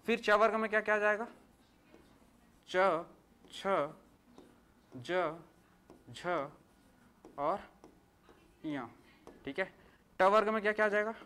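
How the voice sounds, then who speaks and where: With a high-sitting voice whose tone is sharp, clear, and resonant, a male teacher leads exam-prep grammar practice. He asks questions and answers them himself, slowly spelling out letters one by one.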